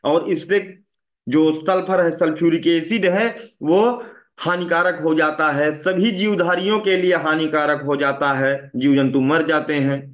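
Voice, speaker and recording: A Hindi-accented male teacher lectures his class in a fairly high voice, a little above most men's, with fairly even intonation. He constantly checks in with students, firing questions at them and tagging sentences with a quick "है ना," meaning "right?"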